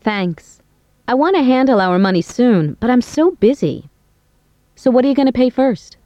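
A woman playing a young woman who talks about bills and plans with a friend, in a scripted language-course dialogue, speaking clearly and carefully. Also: on the high side, animated, moderate pace, mellow, no echo, muffled recording, lightly acted. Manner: clear, careful everyday speech.

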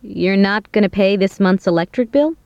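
A woman playing a young woman who talks about bills and plans with a friend, in a scripted language-course dialogue, speaking clearly and carefully. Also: mid-range voice, lively intonation, normal speed, a little mellow, no echo, lo-fi sound, lightly acted. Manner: clear, careful everyday speech.

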